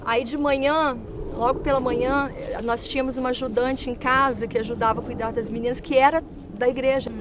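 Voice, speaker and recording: A woman with a high, bright-toned voice gives a church testimony in a sit-down interview. She tells her story vividly and slips into the voices of the people in it. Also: fairly even intonation, a little fast, few pauses, background noise. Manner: vivid storytelling, acting out quoted speech. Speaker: church member giving a testimony; mother.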